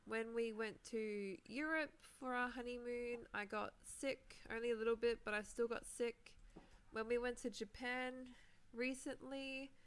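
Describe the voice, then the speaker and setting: Fairly high and smooth, her voice stays steady in tone, a little slow and a bit bright. This young New Zealand woman streams Minecraft live while getting over a sore throat, rambling casually with fillers and laughing frequently.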